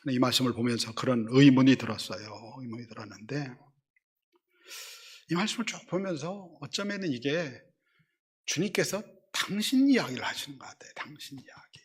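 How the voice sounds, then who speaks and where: Husky-voiced man preaching a sermon. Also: medium pitch. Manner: storytelling with acted-out quotes, swinging between loud emphasis and hushed asides. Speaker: senior pastor.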